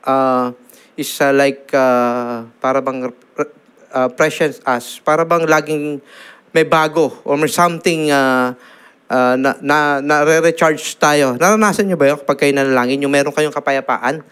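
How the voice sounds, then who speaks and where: A middle-aged Filipino man preaching a sermon, telling stories in lively mixed Tagalog and English and checking in with the congregation with "no?". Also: mid-range voice, a little slow, smooth. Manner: animated storytelling, Taglish with frequent "no?" tags. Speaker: pastor.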